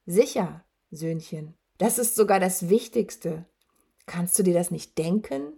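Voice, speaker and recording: A woman's voice: on the low side, expressive, a little slow, mellow, full character voice. A woman voicing a huge, dying male werewolf who taunts with a rattling, wheezing voice. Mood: gloating menace. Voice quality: rattling, rasping voice. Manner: taunting, gloating. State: wheezing, labored breath.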